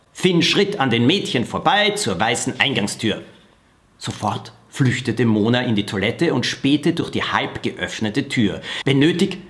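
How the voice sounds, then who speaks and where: A man reads his own children's novel aloud, telling the story with plenty of expression. His voice is mid-pitched and rises and falls freely. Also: a bit bright. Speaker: author reading his book. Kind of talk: children's book reading.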